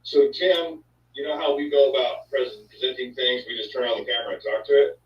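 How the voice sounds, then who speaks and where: A man's voice: medium pitch, fairly even intonation, fairly quick. A man hosting a casual chat, talking in an easygoing, rambling way. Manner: easygoing, rambling, sound effects. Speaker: host. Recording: echoey, distant, dull sound.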